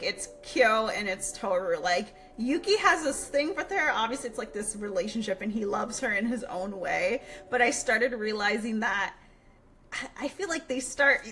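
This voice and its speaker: A woman co-hosting a podcast in casual chat, animated and laughing often, acting out characters' lines as she retells stories. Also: fairly high pitch. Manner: animated, acts out characters' lines while recounting. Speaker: podcast co-host.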